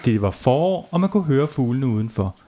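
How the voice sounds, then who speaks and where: A man narrating a playful children's bedtime story, animated and laughing at his own jokes. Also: mid-range voice, noisy background.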